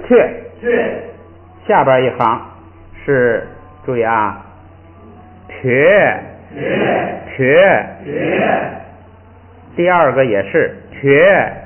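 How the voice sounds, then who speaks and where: A man teaching a spoken lesson with patience, saying each syllable over and over for the class to drill. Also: medium pitch. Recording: tinny phone-like recording.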